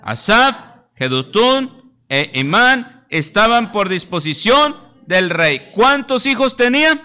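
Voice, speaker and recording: A man's voice: high voice, very animated, takes it slowly, bright, forceful tone, clear, resonant tone. A man preaching a sermon, emphatic, often calling listeners "brother" and acting out little scenes. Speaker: pastor.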